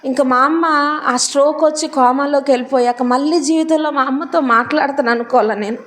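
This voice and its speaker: A woman's voice: sits high, fairly quick. A woman preacher, giving a sermon that mixes personal testimony with emphatic, repeated declarations.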